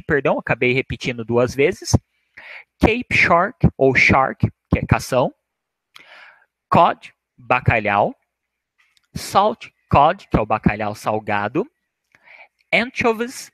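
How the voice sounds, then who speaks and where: A man's voice: medium pitch, fairly bright tone, no echo, rough recording. A man whose first language is Portuguese, teaching a vocabulary lesson and repeating each word with careful emphasis. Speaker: English teacher.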